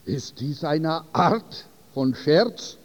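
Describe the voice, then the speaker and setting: A man's voice: on the high side, expressive, extremely slow, in a large hall. A man voicing a tearful young bride at her wedding, asking pleading questions.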